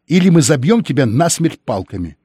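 A man voicing a boastful, greedy male captive who speaks in a firm, shrill voice in an audiobook. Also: lively intonation, moderate pace, darkish tone, dry recording, clean studio sound. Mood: lecturing.

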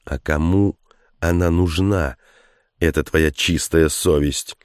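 A mocking, snappish soldier who needles his partner as a man reads him. His voice sits low and smooth in a dry, close recording. Each line carries a sly, biting edge. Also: moderate pace, dry recording, lightly acted. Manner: snide, mocking. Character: sarcastic, snappish male soldier.

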